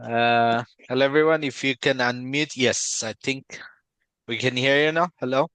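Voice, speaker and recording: Bright-voiced man hosting a video call. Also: medium pitch, smooth, no echo. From Ethiopia. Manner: friendly, halting, many fillers and restarts. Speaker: meeting host, company founder. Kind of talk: video call meeting and presentation.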